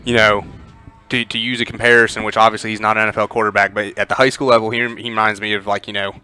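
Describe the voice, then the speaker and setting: Bright, smooth man. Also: on the low side, fast. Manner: conversational, many "uh" fillers, animated storytelling. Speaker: sports commentator. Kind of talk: pregame football commentary.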